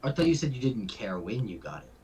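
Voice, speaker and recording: A man's voice: medium pitch, very animated, quick pace, breathy edge. A man chatting casually as a player in a tabletop game. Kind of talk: casual chat. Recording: loud noise, clicks.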